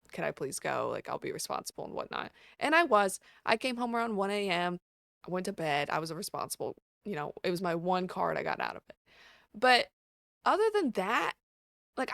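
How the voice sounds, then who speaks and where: A podcast host with a lowish, vocal-fry voice tells stories on her own show in a casual monologue, blunt, profane and animated. The recording is studio quality with no echo.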